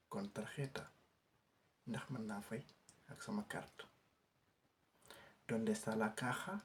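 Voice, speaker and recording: A man teaching Spanish phrases in Wolof, saying each phrase slowly, repeating it, then giving its meaning. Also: medium pitch, a little mellow, slight background noise. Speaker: language teacher. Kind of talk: Spanish lesson taught in Wolof.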